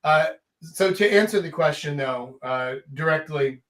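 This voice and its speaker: A man hosting an informal live coaching talk, speaking emphatically and often checking in with a quick question tag. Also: fairly high pitch, expressive, a bit bright. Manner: emphatic, checks in with "right?", casual swearing. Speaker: host, dating and life coach.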